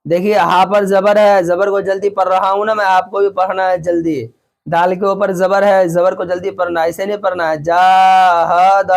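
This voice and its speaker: A man teaching Quran reading in an online lesson, spelling out letters and syllables slowly, then explaining quickly and checking that students follow. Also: high-pitched. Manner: repeats and checks understanding often.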